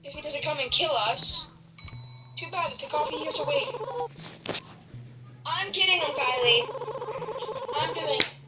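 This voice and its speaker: A woman chatting during a game with friends, exasperated and complaining, often in rapid bursts. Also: sits high. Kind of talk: casual gameplay chat with friends. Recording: distant mic with clear background noise.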